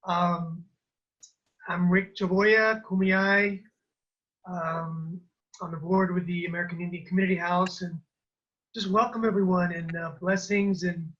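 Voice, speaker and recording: A man with a high-pitched voice opens a community gathering with a welcome and a blessing, speaking earnestly and circling back on his words. The sound comes through a muffled, dull video call line. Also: fairly even intonation, unhurried, a bit bright. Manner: earnest, with frequent fillers and restarts. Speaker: board member opening an event.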